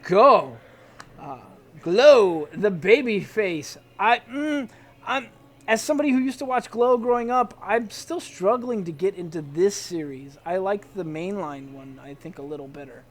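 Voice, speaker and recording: A man's voice: sits high, lively intonation, normal speed. A man hosting casual weekly comic reviews, chatty and hesitant, restarting sentences and calling out emphatic verdicts. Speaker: comic shop review show host.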